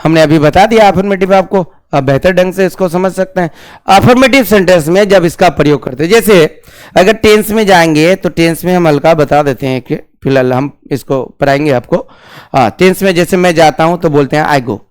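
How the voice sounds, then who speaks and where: Male teacher; smooth, resonant voice, asks and answers his own questions. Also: a little high, moderate pace. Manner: repeats key words, asks questions then answers them. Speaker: English grammar teacher. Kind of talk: classroom grammar lesson.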